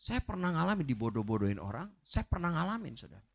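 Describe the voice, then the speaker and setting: A man's voice: fairly high pitch, big pitch swings, fast, vocal fry. A man preaching a sermon with an emphatic, rising and falling delivery, often turning directly to his congregation. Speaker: pastor. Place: church livestream.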